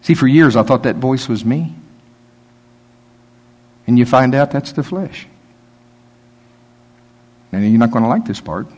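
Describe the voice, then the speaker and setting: A man's voice: mid-range voice, animated, unhurried, long pauses, darkish tone, breathy edge. A male pastor giving a conversational sermon, joking and laughing as he talks.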